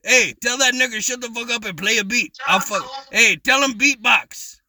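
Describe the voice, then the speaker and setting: A man's voice: very high voice, moderate pace, pushed and bright. A young man taunting others in an online voice chat, mocking and provocative. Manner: taunting, mocking, repeats "bro" constantly.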